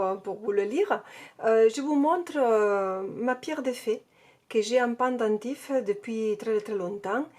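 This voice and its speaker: Reviewing an oracle card deck in a casual way, a woman reads the text on the cards out loud in a mellow voice on the high side. Her delivery is hesitant, packed with fillers and restarted phrases.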